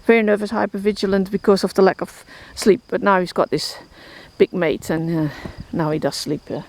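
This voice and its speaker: A horse shelter keeper from the Netherlands, speaking with a Dutch accent, rambles about her horses in a casual vlog walkthrough filled with fillers and restarts. Her medium-pitched voice is a little mellow, with vocal fry, fairly even intonation and a fairly quick pace, and there's no room sound. She's outdoors in a rural field, crickets and outdoor noise behind her.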